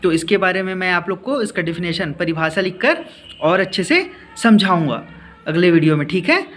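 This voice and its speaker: High-voiced man teaching a lesson. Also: lively intonation, fairly bright tone, a little hiss or hum. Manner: repeats and explains slowly, asks children questions. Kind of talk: classroom lesson explanation.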